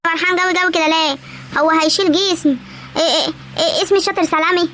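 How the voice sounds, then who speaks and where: [name], a woman playing a fast-talking sharp village wife. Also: extremely high pitch, steady tone, a little hiss or hum. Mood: sassy. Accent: Egyptian rural. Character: young sharp-tongued pregnant village wife.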